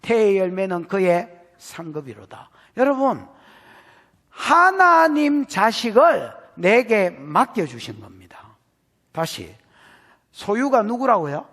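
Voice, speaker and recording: A male pastor with a Gyeongsang accent delivers his sermon, swinging his pitch up and down as he teases and quizzes the congregation. His voice sits high for a man. The words carry a long reverb from the church sanctuary. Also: takes it slowly. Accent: Gyeongsang Korean. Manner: animated, jokey, quizzes the congregation.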